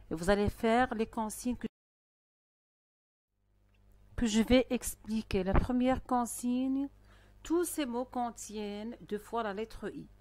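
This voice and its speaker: Slow, careful woman teacher. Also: on the high side, a little mellow, no echo. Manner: slow, careful dictation-style delivery with pauses. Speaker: primary school teacher. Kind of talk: recorded online lesson.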